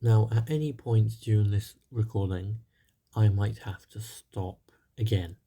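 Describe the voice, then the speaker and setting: A young gaming channel host, sounding a little tired, speaks in a fairly low, mellow voice at a slightly slow pace. He rambles casually over a strategy game, his commentary full of fillers and hedges.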